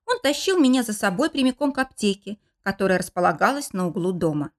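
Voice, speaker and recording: A woman's voice: medium pitch, expressive, quick pace. A woman narrating a first-person romance novel as an audiobook, telling the story expressively.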